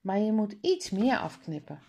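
A woman's voice: mid-range voice, sing-song, moderate pace, warm tone. A woman reading a practical helpful girl.

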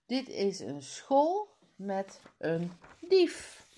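A woman's voice: medium pitch, wildly swooping pitch, extremely slow, mellow, heavily acted. A woman reading aloud, voicing an upset young schoolboy who cries out insistently about his lost coat.

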